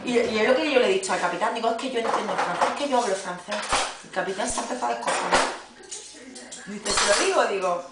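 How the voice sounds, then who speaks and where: Indignant flight attendant, far off. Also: female voice, mid-range voice, quick pace, very noisy. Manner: indignant, swearing, acts out quoted dialogue. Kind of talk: casual chat, telling a story. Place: home, indoors. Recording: echoey room, far from camera, clattering dishes.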